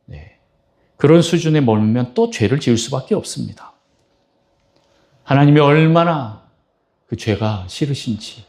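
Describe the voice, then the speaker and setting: A man's voice: medium pitch, animated, measured pace, long pauses, a little mellow. A middle-aged male pastor preaching a revival sermon in a church, asking the congregation rhetorical questions and acting out quotes. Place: church sanctuary.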